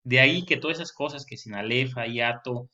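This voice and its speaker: A man's voice: medium pitch, brisk, bright, forceful tone. A male teacher giving a recorded lecture, explaining step by step with frequent fillers and restarts. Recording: dull lo-fi recording.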